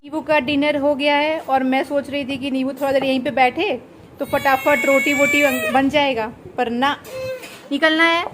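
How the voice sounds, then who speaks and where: A woman's voice: high voice, steady tone, normal speed, over music. A young woman talking casually to her viewers in a home vlog, chatty, narrating what is going on around her at home. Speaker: vlogger. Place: home balcony at night.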